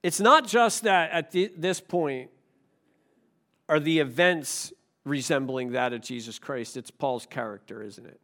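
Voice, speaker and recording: Man, pastor, preaching a sermon, slightly high voice, chatty, loud then soft. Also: unhurried. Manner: conversational preaching, asks the room questions; swings from loud emphasis to quiet.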